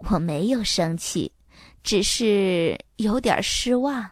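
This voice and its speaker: A woman reading a storybook aloud and voicing a busy mother who speaks in a calm, lower, measured tone. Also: dry recording, clean studio sound. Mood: firm. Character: mother, busy and firm but gentle.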